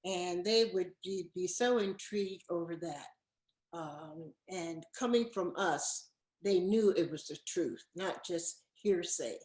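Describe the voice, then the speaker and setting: A woman's voice: fairly low pitch, slow, darkish tone. A woman in her eighties, a guest in a casual interview, speaking earnestly and repeating words for emphasis. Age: 80s. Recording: echoey room.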